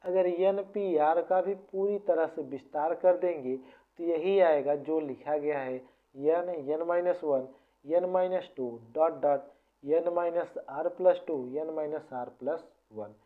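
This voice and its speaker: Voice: mid-range voice, slow pace. A maths teacher patiently explaining formulas step by step, often repeating points. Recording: tinny phone-like sound.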